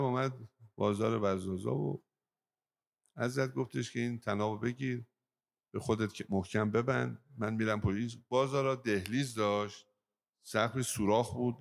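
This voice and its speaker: A man's voice: medium pitch, gravelly. A man preaching a religious sermon who tells moral stories to his listeners and raises his voice on key points. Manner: emphatic, voice rising on key points.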